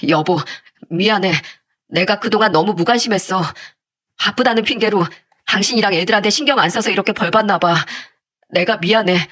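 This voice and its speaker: A woman's voice: medium pitch, a little fast, a bit bright, close to an everyday voice. A woman voicing an earnest middle-aged husband who talks to his wife in a pleading, heartfelt way, in a storybook-style telling. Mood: remorseful. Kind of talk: storybook narration with acted voices.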